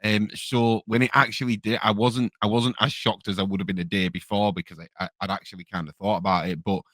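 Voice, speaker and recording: A man's voice: on the low side, little pitch movement, quick pace, a bit bright, no room sound. A man chatting casually as an opinionated wrestling fan, enthusiastic and rambling. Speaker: wrestling podcast commentator.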